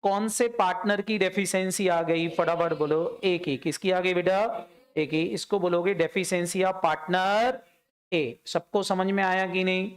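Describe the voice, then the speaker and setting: A man teaching an accounts class, firing quick questions and pushing students to answer aloud. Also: high-pitched, steady tone. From India. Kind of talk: classroom lecture.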